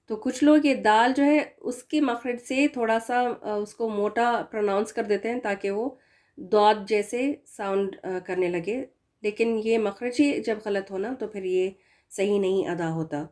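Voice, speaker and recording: A woman teaching a recitation lesson, explaining patiently and stretching out the example words slowly. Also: medium pitch, a little mellow. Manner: patient explaining, slow drawn-out demo words. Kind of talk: tajweed lesson.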